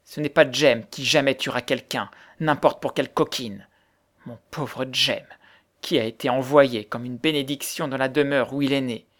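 A man's voice: medium pitch, steady tone, normal speed, lightly acted. Man voicing a fierce widowed mother. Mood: scornful. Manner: harsh, accusing, later softening into sobs.

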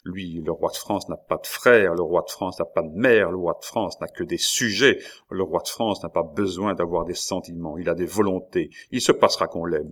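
Guy reading as a feverish angry young king, deep voice, dramatic and agitated. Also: natural voice. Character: feverish, volatile young king, bitter and wrathful.

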